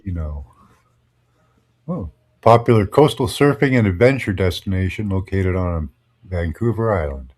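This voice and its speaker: Easygoing man, lower voice. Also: expressive, moderate pace, long pauses, darkish tone. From Ontario, Canada. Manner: easygoing, laughs along, reads info aloud. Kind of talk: casual chat.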